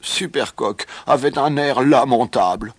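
A man reading a children's story aloud in an expressive way. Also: medium pitch, slightly rough, dry recording. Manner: slow, expressive read-aloud.

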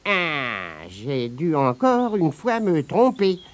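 A man's voice: high voice, very animated, takes it slowly, exaggerated voice. A man voicing a grumpy female magic spider who fumbles her spells, grumbling and huffy. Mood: sheepish.

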